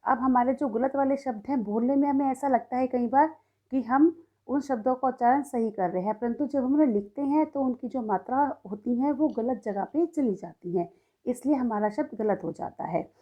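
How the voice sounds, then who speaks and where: A woman's voice: a little high, normal speed, dull audio. A young woman teacher giving a recorded grammar lesson to schoolchildren, explaining step by step and often checking in.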